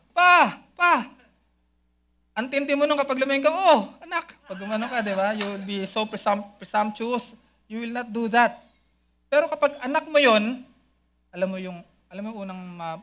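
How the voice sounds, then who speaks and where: A male pastor preaching, switching between Filipino and English, often raising his voice for emphasis. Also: sits high. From Philippines. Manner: mixes English into sermon, rising to loud calls. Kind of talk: sermon. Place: church.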